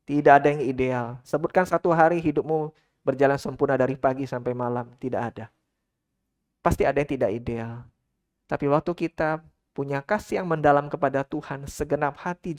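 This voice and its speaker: A woman's voice: extremely low pitch, darkish tone. A woman preaching a church sermon who keeps turning to the congregation with questions and direct address. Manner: engages the congregation with frequent questions, addressing listeners as "Saudara".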